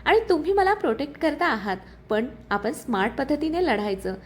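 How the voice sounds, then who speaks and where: A woman voicing a calm, gentle but firm young heroine in a story reading. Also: high voice, a little fast, a little hiss or hum.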